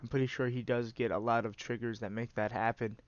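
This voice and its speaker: In a dry, dull-sounding recording, a man with a congested, stuffy nose hosts and gives rambling, casual play-by-play commentary on a card game. His medium-pitched voice is flat and fairly quick, full of "uh" fillers and restarts.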